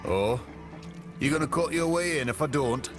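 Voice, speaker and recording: A man's voice: fairly high pitch, expressive, moderate pace, close to an everyday voice. An actor playing a taunting, menacing henchman in a fantasy game, with a sneering, colloquial manner. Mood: taunting threat. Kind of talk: fantasy video game voice acting. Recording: music under the voice. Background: music.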